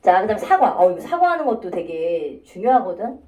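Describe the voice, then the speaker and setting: A woman's voice: mid-range voice, sing-song, brisk, mellow. A woman teacher giving a chatty classroom lecture, often acting out students' voices. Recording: echoey classroom from a distance.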